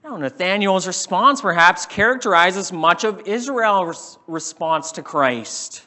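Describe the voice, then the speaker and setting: Male preacher, sermon, dramatic delivery; bright tone, echoing hall. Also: high voice, lively intonation, unhurried. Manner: dramatic, acts out quoted speakers.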